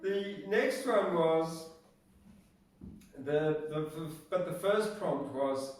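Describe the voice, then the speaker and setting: Man, open mic poet, slow delivery, hesitant and halting, casual poetry reading, very roomy distant recording. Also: on the high side. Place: echoey room at an open mic event. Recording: echoey room, distant mic.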